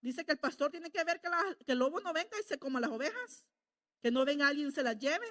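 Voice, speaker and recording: A woman's voice: sits high, lively intonation, fast talker, a bit bright. A middle-aged woman preaching a sermon in a conversational way, often checking in with the congregation. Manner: conversational, asks the congregation "¿verdad?".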